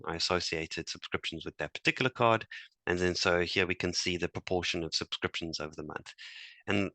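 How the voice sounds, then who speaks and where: A man presenting a software demo to fellow engineers, talking hesitantly with many fillers and restarts. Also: low voice, no echo. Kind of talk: technical demo talk.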